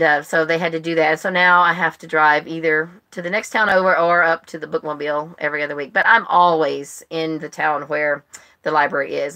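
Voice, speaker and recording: An American woman with a low-pitched, sharp voice hosts a book club live stream, chatting casually and rambling as she speaks to viewers online.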